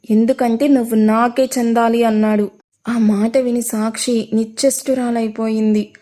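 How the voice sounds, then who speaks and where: A woman's voice: fairly high pitch, darkish tone. A woman reading an audio love story aloud, giving the characters' lines a lift in her voice. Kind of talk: scripted narration of an audio story.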